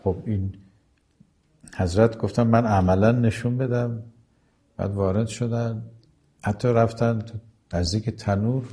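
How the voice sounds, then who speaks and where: A man giving a religious lecture who recites Arabic passages slowly and then explains them in plain everyday speech. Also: on the low side, warm tone. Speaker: preacher.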